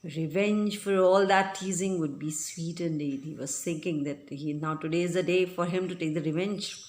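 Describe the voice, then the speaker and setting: A woman, teaching a class. She reads a children's story a line at a time, then explains it in simple words and gives the characters' shouts some energy. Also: fairly low pitch, fairly even intonation, moderate pace. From India. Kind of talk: reading and explaining a textbook story.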